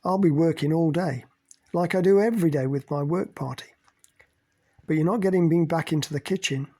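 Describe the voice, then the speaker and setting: A man's voice: fairly high pitch, brisk, dark tone. A man voicing Cynthia, an indignant, prickly woman who sneers and dismisses, in an audiobook. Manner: defensive, dismissive.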